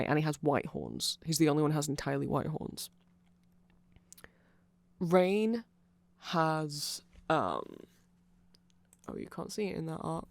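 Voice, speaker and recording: With a mid-range voice tinged by vocal fry, an ASMR creator speaks close to the microphone in a dry recording space. The delivery is a spontaneous, nerdy ramble, peppered with asides and self-corrections.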